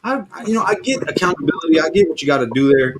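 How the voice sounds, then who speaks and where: An excitable man chatting casually in a group, rambling, repeating himself and swearing freely. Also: a little high, rapid-fire, crowd noise, rough recording.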